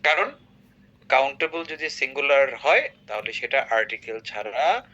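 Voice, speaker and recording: A man teaches a grammar class in a very bright, forceful voice. He keeps quizzing his student with quick tag questions. The recording is dull and lo-fi. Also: medium pitch, lively intonation. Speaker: English teacher.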